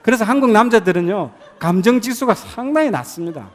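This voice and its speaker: Animated male seminar speaker from South Korea. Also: high-pitched, brisk. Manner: animated, acts out quotes. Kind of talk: live seminar talk on empathy.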